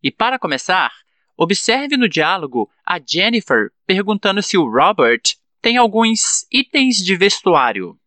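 A man with a Brazilian Portuguese accent hosting an English-learning podcast, slowly drilling example sentences for students. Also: high-pitched, sing-song, pushed and bright, no room sound. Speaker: podcast host and English teacher. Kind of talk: teaching English lesson.

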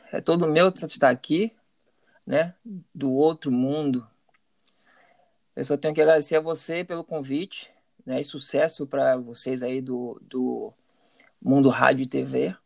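A middle-aged man from Salvador, Bahia, Brazil tells stories as a guest in a casual conversational interview, hesitating and repeating words often. His voice is mid-range and creaky, with no room sound.

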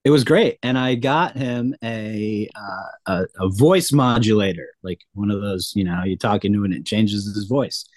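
A man's voice: fairly low pitch, normal speed, hardly any pauses, no echo. A man co-hosting a casual podcast chat, telling anecdotes in a laid-back way with hesitations. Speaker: podcast co-host.

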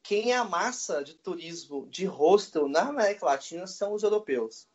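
A man guest in a casual chat, telling stories in a relaxed way and laughing easily. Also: sits high, moderate pace, breathy edge. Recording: dull lo-fi audio.

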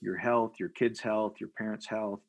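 Pastor, man from Iowa, low husky voice, preacherly and repetitive. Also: moderate pace, dull audio. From Iowa, USA. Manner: energetic, preacherly, repeats phrases for emphasis. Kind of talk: podcast interview, leading a prayer.

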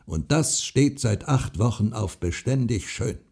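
A man voicing a stubborn, boastful old farmer who speaks gruffly and mockingly. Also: mid-range voice, expressive, a little slow, full character voice. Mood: boastful, scornful. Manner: gruff, loud and mocking, drawn out.

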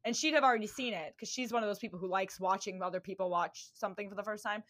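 A young woman hosting a podcast, chatting casually and telling lively stories with acted-out quotes. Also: mid-range voice, quick pace. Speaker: podcast host. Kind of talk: casual chat.

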